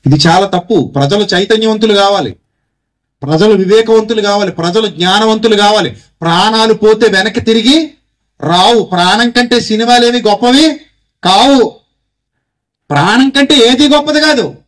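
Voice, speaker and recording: A pastor with a Telugu accent preaches a Christmas sermon, exhorting his listeners with rhetorical questions and calling on the congregation to repeat lines after him. His voice is high and his pace moderate.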